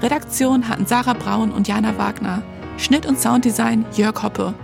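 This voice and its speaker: Calm woman host, gravelly edge, music behind. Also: fairly high pitch, normal speed. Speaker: podcast host. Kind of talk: scripted narration. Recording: music bed under voice.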